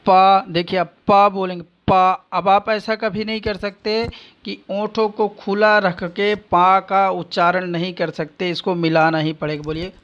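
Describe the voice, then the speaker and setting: A man's voice: sits high, level tone, unhurried, a bit bright, muffled recording. A man teaching a Sanskrit phonetics lesson, drawing out each sound as he demonstrates it and reciting grammar rules.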